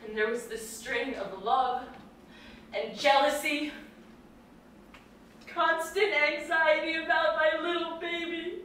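Brief: woman playing wistful, unraveling young actress; slow, slightly high, distant in a reverberant theater. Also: steady tone, slight background noise. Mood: distraught. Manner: dreamy, wandering, drifting between hush and outburst. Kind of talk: stage play performance. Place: theater stage. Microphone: distant room mic. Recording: echoey theater taped from far off.

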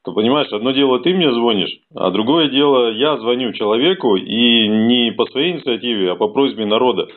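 A man's voice: mid-range voice, a little fast, hardly any pauses. A man chatting casually as host of a phone call, blunt and repeating words for emphasis. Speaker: host taking phone calls. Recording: band-limited, tinny phone call sound.

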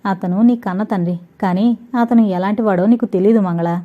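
A woman's voice: medium pitch, a little fast, close to an everyday voice. A woman voicing a fearless, teasing young man in an audio novel, in a playful, self-assured manner, on dull lo-fi audio.

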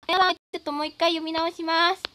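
Bright high-voiced teenage girl streamer. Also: little pitch movement, quick pace. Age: teens. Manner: chatty, reads out fan names, playful. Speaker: live streamer. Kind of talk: casual live stream chat. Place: indoors at home.

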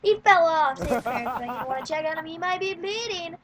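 A woman giving casual, rambling play-by-play commentary on a match, with quick sarcastic asides. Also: very high voice, lively intonation, crowd noise. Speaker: gameplay commentator.

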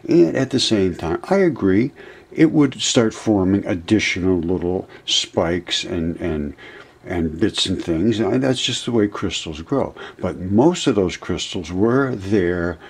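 A man with a very low, gravelly voice talks slowly through an informal video lecture. He rambles and calls his viewers his friends while pointing things out on a screen. His tone is husky. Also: darkish tone. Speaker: channel host presenting his own theory. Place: indoors in front of a monitor.

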